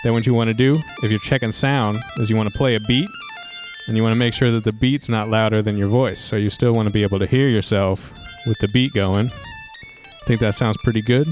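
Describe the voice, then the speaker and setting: A man with a deep voice, casually demonstrating how to use a sound mixer as a music instructor, talking through a studio microphone. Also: brisk. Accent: American. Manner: relaxed, friendly, hands-on explaining.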